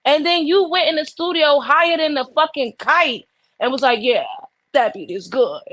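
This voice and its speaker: A woman co-hosts a casual podcast, blunt and fired up, swearing as she argues her point in a heated chat. Her voice is high and a bit bright, moving at a moderate pace.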